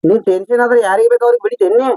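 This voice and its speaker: A man's voice: extremely high pitch, wildly swooping pitch, rapid-fire, creaky, dark tone, no echo. A man with a North Karnataka Kannada accent, playing a scolding, blustering father in a comedy skit. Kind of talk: scripted comedy skit dialogue.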